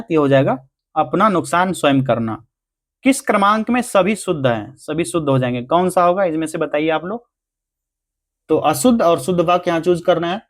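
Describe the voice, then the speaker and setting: A man teaching a grammar lesson for exam prep, going through answers step by step and answering his own questions. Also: fairly high pitch. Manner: explains answers step by step, asking and answering himself.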